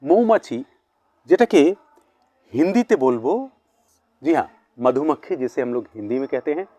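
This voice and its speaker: Man, language teacher, board lesson, repeats words slowly, dry close sound, mid pitch. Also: big pitch swings, warm tone, no room sound, lo-fi sound. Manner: slow, repeated pronunciation of words. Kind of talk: bilingual vocabulary lesson at a board.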